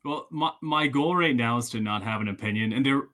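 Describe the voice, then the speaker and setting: A man's voice: mid-range voice, a little fast, sharp tone. A man from Ohio hosting a casual golf podcast, rambling and self-deprecating. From Ohio, USA. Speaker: podcast host.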